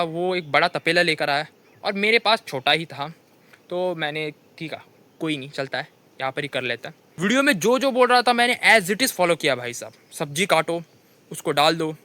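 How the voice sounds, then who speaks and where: A young man with a Hindi accent tells comic stories of his kitchen mishaps, constantly saying "bhai sahab" in an animated monologue. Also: high voice. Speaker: comedian telling funny stories. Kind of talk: stand-up storytelling monologue.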